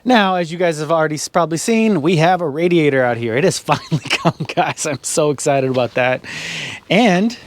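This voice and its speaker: A man's voice: on the high side, a little fast, slight background noise. A man chatting casually while working on a truck in his garage, laughing often and a bit out of breath. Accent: Californian English. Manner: chatty, laughs often, calls viewers guys. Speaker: garage vlogger. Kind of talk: casual how-to narration. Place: home garage.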